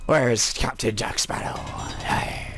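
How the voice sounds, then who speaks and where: A man putting on the voice of a gruff old male sea pirate, growling his pirate talk. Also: medium pitch, takes it slowly, music in the background. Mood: swaggering.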